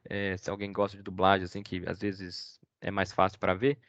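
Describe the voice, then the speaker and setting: A man's voice: deep voice, completely flat delivery, normal speed, a bit bright, no echo. A man with a Brazilian accent giving a casual online talk, hesitant and rambling with many fillers and restarts. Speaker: guest speaker. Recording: dull, dry lo-fi call audio.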